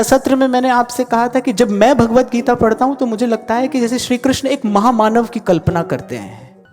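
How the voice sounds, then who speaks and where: A man's voice: high-pitched, a little mellow. Man teaching scripture in an echoing hall. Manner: measured, explanatory, with emphatic stresses. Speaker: spiritual teacher. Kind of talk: scripture discourse to a live audience. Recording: long hall reverb with faint music.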